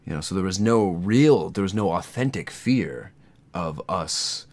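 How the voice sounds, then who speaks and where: A man's voice: deep voice, lively intonation, measured pace, darkish tone. An American man in casual podcast conversation, earnestly arguing his point and checking for agreement. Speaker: podcast co-host.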